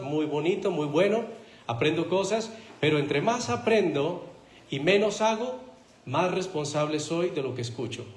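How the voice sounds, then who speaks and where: A man preaches from the pulpit of a church, pressing his point with one rhetorical question after another. His voice sits on the higher side for a man. The sound rings around an echoey hall. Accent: Spanish-speaking Latin American. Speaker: pastor. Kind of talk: sermon.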